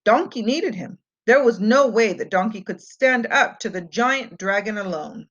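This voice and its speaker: Reading a scripted children's fairy tale aloud, a woman uses an animated, unhurried delivery with expressive storyteller emphasis. Her voice sits mid-pitch and comes across a bit bright, though her home setup gives a slightly dull, lo-fi sound.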